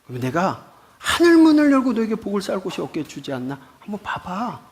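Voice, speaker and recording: A man's voice: sits high, racing, a bit bright, breathy edge. A man voicing God as a man, chiding his people in a blunt, casual way.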